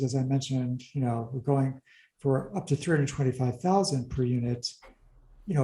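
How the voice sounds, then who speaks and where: A man explaining real estate figures in an interview, talking fast through the numbers with wry asides. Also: medium pitch, mellow, echoey room, poor audio. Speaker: commercial real estate advisor.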